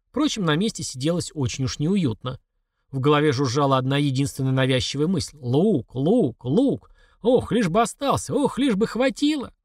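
A man narrating a darkly comic story in an expressive, mock-dramatic way. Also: on the high side, no echo, studio quality.

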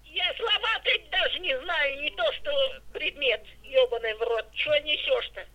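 On a tinny phone line, an older woman who is the target of a prank call answers bluntly and suspiciously, swearing constantly. Her voice is high-pitched and sharp, at a normal speed.

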